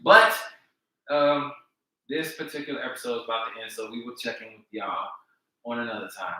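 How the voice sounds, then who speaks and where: A man's voice: medium pitch, a little fast, bright, forceful tone, very echoey, distant mic, low-quality recording. A man in his thirties co-hosting a podcast, talking openly in casual chat. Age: 30s. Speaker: podcast co-host.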